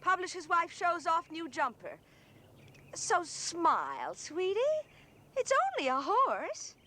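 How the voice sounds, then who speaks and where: A high, lively-voiced woman bosses and teases breezily in 1960s television drama style, with loud music on the old soundtrack. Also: takes it slowly, heavily acted. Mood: breezy, teasing. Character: breezy, bossy, teasing sister with a camera.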